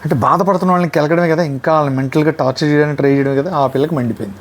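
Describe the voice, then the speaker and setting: A man's voice: a little high, racing. A man with a Telugu accent giving a casual review of a reality show episode, retelling it animatedly and acting out what people said. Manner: animated retelling, mimicking contestants' lines.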